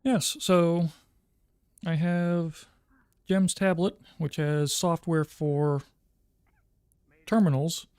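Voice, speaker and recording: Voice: medium pitch, steady tone, extremely slow, pauses often, a little mellow, clean tone, no room sound. Plain-talking voice roleplayer, dry sound.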